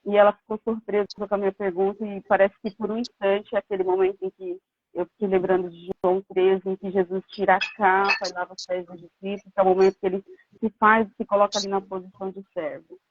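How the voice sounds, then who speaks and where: A woman's voice: medium pitch, quick pace, no echo. Earnest woman testifying over a tinny, phone-like call, dry and close. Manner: earnest, reflective storytelling. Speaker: guest giving testimony. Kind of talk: personal faith testimony.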